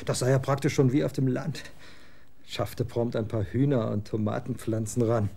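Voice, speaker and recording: Against background noise, a man with a medium-pitched voice and vocal fry gives a lightly acted performance in a German radio drama. He plays a scornful 20-year-old rocker son, moody and slangy, who is quick to get excited.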